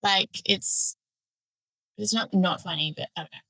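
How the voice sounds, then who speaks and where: A young woman hosting a laid-back chat at a middle pitch. She trails off into fillers as she thinks aloud, and her voice sounds a little distant from the mic. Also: a little slow, creaky, fairly bright tone. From Australia. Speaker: host. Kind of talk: casual chat.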